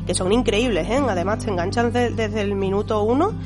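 A woman with a Spain accent talks as a radio book columnist. Her mid-pitched voice is congested with a cold, and she explains in a casual, chatty style. Music plays behind her. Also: brisk.

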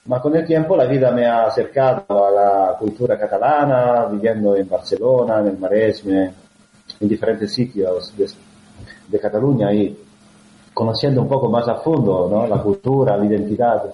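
Italian-accented man, halting and roomy. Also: lowish voice, slight background noise. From Italy. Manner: halting, with frequent fillers and restarts. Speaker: guest, actor. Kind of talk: conversational interview. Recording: roomy, dull lo-fi sound.

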